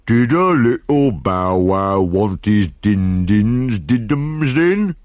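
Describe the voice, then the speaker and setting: A man voicing Obelix, a huge, hungry, simple-hearted Gaul who calls out loudly and plaintively. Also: lowish voice, animated, takes it slowly, no room sound. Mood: babyish. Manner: loud, plaintive, disappointed.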